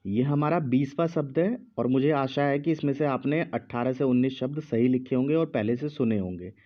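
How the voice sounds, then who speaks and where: Male teacher, slow measured dictation, muffled lo-fi sound. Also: mid-range voice. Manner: speaks slowly with pauses, repeats each word. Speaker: Hindi teacher.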